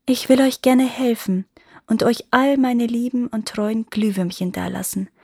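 A woman reading the part of a kind, helpful good fairy in a storybook tale, speaking gently and softly. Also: a little high, steady tone, measured pace, creaky, slightly rough, no room sound, studio quality, exaggerated voice. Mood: kindly.

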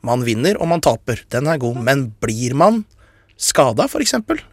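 A man's voice: medium pitch, very animated, no room sound, studio quality. A man hosting a radio show, explaining science in a casual chat and getting carried away with enthusiasm. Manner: enthusiastic, gets carried away and talks fast.

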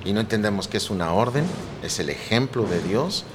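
Low-voiced earnest pastor. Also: male voice, animated, a little fast, background noise. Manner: earnest, preacherly, quotes scripture. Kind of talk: personal testimony in conversation.

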